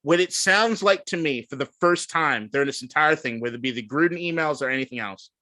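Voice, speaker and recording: A man's voice: fairly high pitch, fast, no room sound, rough recording. A man co-hosting a sports podcast in casual, profane chat, often laughing. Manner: laughs a lot, profane, animated. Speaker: podcast co-host.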